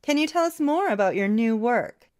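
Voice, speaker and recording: A woman's voice: on the high side, animated, normal speed, a little mellow, clean tone, pitched above the performer's own voice, close to an everyday voice. A woman voicing a gushing female talk show host. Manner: gushing, eager.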